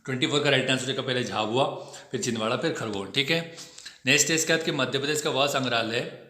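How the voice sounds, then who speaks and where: A man teaching an exam-prep lesson in a brisk, chatty way, often checking in with his students. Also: medium pitch, pushed and bright, echoey room. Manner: brisk, chatty explaining with frequent "ठीक है" check-ins. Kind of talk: test discussion lesson.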